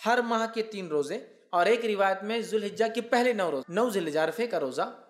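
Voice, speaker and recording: A male preacher lectures in a slightly high voice. He recites Arabic phrases slowly, then explains them, asking questions and answering them himself. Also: lively intonation. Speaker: Islamic preacher. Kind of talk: religious lecture.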